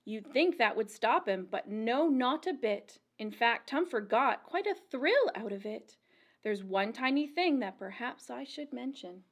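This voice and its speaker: A storytime librarian reads a rhyming picture book to young children in a slightly high voice. Her delivery is expressive, deliberate and sing-song, just like a storyteller's.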